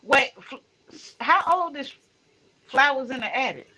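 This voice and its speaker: A woman co-host chats casually in a bright, sharp voice that sits a little high. She reacts informally and uses plenty of slang. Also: lively intonation, slow. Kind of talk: casual chat, reacting to a countdown.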